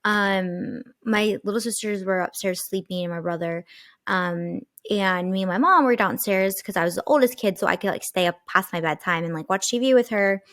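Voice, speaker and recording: A woman's voice: medium pitch, moderate pace, dry recording, studio quality. A young woman co-hosting a podcast, telling a personal story in casual chat, full of "like" fillers. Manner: animated storytelling, lots of "like" fillers. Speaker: podcast co-host.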